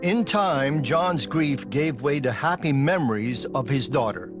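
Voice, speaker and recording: A male television reporter reading scripted news narration in an even, polished way. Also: fairly high pitch, unhurried, over music.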